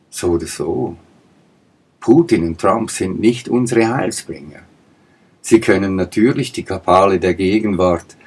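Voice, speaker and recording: A man's voice: sits low, darkish tone, slightly rough. A man giving an emphatic political monologue, asking pointed rhetorical questions and repeating his points. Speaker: political commentator.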